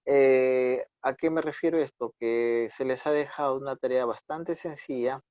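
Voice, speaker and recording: A man's voice: medium pitch, fairly even intonation, moderate pace, a little mellow, no room sound. A male instructor with a Peruvian Spanish accent runs an online class, correcting his students' work with patience. His voice comes through a dull, dry computer microphone. He keeps checking in with the students as he talks. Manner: corrective, patient, repeats "¿no?" often. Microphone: computer mic on a video call. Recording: dull dry video-call audio.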